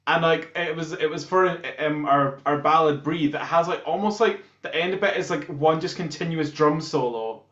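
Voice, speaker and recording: A Scottish band musician chats casually in an interview and tells jokey anecdotes. His voice is a little high and a bit bright, moving at a normal speed with few pauses. The recording sounds roomy, echoey, and muffled.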